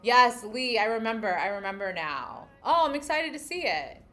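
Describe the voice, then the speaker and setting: With faint music playing behind her, a young New York City woman hosting a livestream chats casually with viewers, musing aloud over their comments in a New York accent. Her voice is a little high and fairly bright, with lively intonation at a normal speed.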